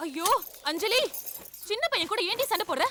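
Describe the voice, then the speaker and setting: An actress playing a scolding village mother who snaps back quickly. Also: very high-pitched, animated, heavy background noise. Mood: shouting. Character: scolding village mother, sharp-tongued and busy. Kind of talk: Tamil film dialogue.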